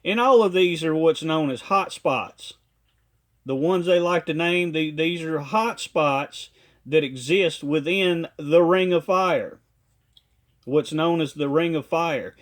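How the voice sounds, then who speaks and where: A man from a ministry delivers a critical commentary monologue, speaking emphatically and deliberately and going over his points repeatedly. His voice is fairly high-pitched.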